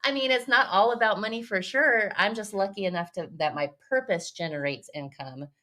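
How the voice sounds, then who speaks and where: A woman's voice: mid-range voice, a little fast, sharp tone. A woman in her forties, a massage business owner, chatting as a podcast guest, telling stories, laughing often and acting out her own quotes. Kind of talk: casual conversational interview.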